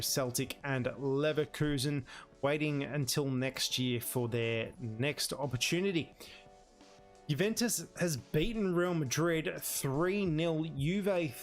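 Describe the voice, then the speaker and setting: A man commentates casually on a football management game, reading out results in a conversational way with wry exclamations. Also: fairly high pitch. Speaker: host of a gaming series.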